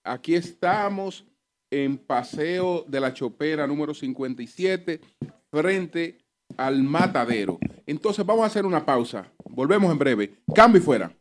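Higher-voiced male host, noisy broadcast. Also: lively intonation, a little slow. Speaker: radio host. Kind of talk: live radio hosting. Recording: noisy live remote broadcast.

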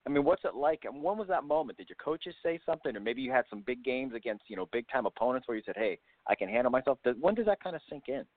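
A man hosting a sports interview show, upbeat and quick, full of "you know" fillers. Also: medium pitch, lively intonation, no room sound. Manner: fast, upbeat, many fillers. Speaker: podcast host. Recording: tinny phone-line audio.

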